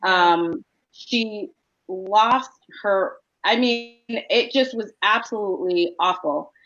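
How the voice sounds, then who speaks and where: A woman speaking earnestly in a casual discussion, often pausing on "um". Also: mid-range voice, fairly bright tone. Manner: earnest, with frequent "um" pauses. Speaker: parent panelist. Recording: dull lo-fi sound.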